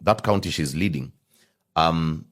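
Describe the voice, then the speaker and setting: Deep low kenyan guy, young, chatting on a panel, explains stuff point by point. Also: a little slow. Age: young adult. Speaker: panelist rating politicians. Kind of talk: casual panel discussion.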